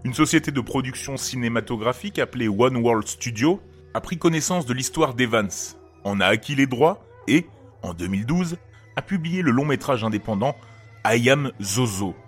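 A man's voice: medium pitch, lively intonation, normal speed, husky. A man, hosting and narrating a scripted horror show. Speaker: host of a horror storytelling show. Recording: music behind the voice. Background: music.

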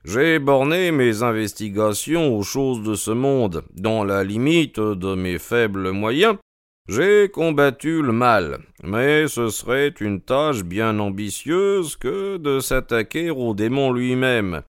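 A man voicing a keen, precise male detective in an audiobook, raising his voice into quick, probing questions. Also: mid-range voice, smooth, no echo, clean studio sound, pitched above the performer's own voice. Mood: intrigued. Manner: quick, questioning, excited interjections. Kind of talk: audiobook character reading.

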